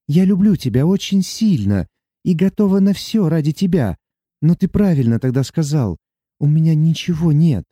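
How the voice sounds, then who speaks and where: A man's voice: on the high side, dark tone, dry recording, studio quality, voice pushed up. A man voicing an emotional young heroine who speaks earnestly and tearfully, in a raised voice. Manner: earnest, tearful, breathless pleading.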